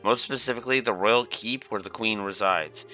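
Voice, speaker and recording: A man plays a dutiful castle maid from a fantasy game. The delivery is formal and deferential, low but very bright, with faint music behind. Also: normal speed. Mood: courteous.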